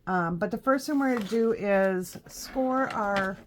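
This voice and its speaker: Speaking a little slowly in a mid-range voice, a woman in her fifties leads a live craft tutorial from her home craft room over some background noise. Sniffly from allergies, she chats along with many ums and uhs while giving step-by-step instructions.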